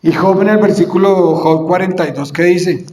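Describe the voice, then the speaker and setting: A man preaching a sermon in a fairly high voice, firing questions at his congregation and answering them himself. The recording carries the strong echo of a church hall, and each phrase lingers in a long reverb. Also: moderate pace, darkish tone, a little hiss or hum.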